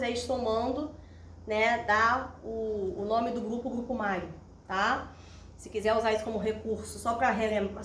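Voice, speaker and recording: Brief: Brazilian woman teacher with a higher voice, patient and step-by-step, picked up from afar in a roomy space. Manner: patient, explains step by step, checks in with "tá?". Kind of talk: recorded classroom grammar lesson at a whiteboard. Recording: roomy echo, distant mic, faint hiss.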